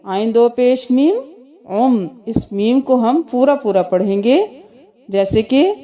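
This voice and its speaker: In a mellow, high-pitched voice, this female tajweed teacher first names each letter and vowel, then recites slowly and melodically.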